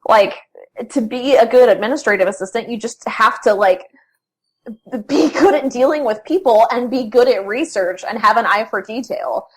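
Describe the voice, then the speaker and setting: A woman's voice: fairly high pitch, normal speed, breathy edge. Chatty young woman full of fillers. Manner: chatty, many fillers and restarts. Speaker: interview guest, freelance writer. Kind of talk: casual conversational interview.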